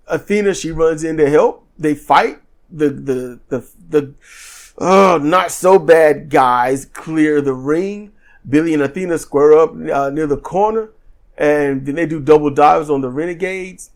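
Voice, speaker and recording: High-voiced man recapping wrestling casually. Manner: rambling recap with frequent ums and restarts, acts out quotes. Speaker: podcast co-host. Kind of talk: casual wrestling review chat.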